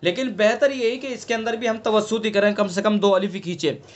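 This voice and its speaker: A man's voice: high-pitched, fairly even intonation, brisk. A man with a Delhi Urdu accent teaching Quran recitation in an online class, patiently explaining, quizzing students and stretching out sounds to demonstrate. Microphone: online class call.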